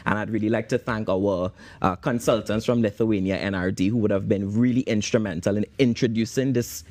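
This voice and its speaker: A man's voice: on the low side, steady tone, fairly quick, a little mellow. A man with a Trinidadian accent giving articulate interview answers in formal, polished wording. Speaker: guest, show host and analyst.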